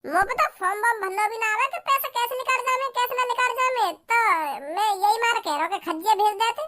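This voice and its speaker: A squeaky, very high and bright cartoon voice of a simple-minded young man, as a man puts him on. He rambles and stammers, whiny and fearful, and tells his stories in a tumble of restarts. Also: fast talker. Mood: reluctant. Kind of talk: cartoon dialogue.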